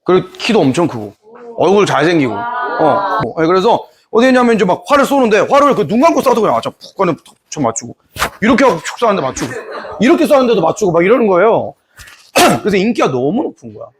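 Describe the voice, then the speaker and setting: A man teaching history in a lively lecture, playfully acting out scenes from the story. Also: high-pitched, fast talker, background noise. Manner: animated storytelling, playful, voices characters.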